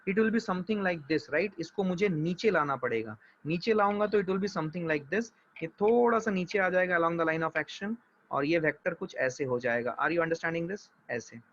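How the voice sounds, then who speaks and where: Male physics teacher, high voice, patient and reassuring, mixes hindi and english, dull lo-fi audio. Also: fairly bright tone, slight background noise. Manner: mixes Hindi and English, checks understanding often; patient, reassuring, slow step-by-step. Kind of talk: live online class.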